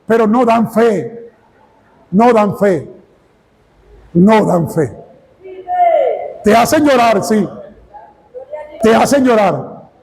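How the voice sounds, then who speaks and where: A man preaching a fiery sermon as pastor. He acts out quotes from people and breaks into shouted climaxes, at times speaking in tongues. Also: high-pitched, animated, drawn-out words, long pauses, breathy edge, in a large hall, poor audio.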